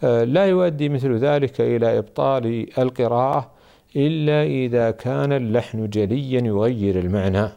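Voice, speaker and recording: Gravelly, dark-voiced male scholar. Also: medium pitch, dull audio. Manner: measured, explanatory. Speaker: Islamic scholar. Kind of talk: religious Q&A answers.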